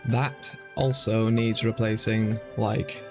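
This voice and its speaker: A man's voice: fairly low pitch, flat delivery, takes it slowly, over music. A man streaming a driving game, thinking aloud in rambling, self-conscious commentary. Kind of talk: casual gameplay commentary.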